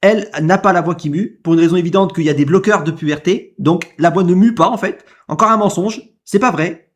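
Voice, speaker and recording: A man whose voice sits high talks a little fast while reacting casually to a clip. Indignation colors his remarks, which repeat themselves and are full of rhetorical questions.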